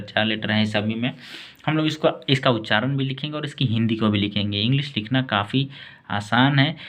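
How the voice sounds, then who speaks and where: Male tutor with a mid-range voice who walks beginners through spelling and meanings slowly and patiently. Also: mid-range voice, fairly bright tone. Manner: spells words out letter by letter and drags out key words. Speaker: English teacher and channel host. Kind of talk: slow spelling lesson for beginners.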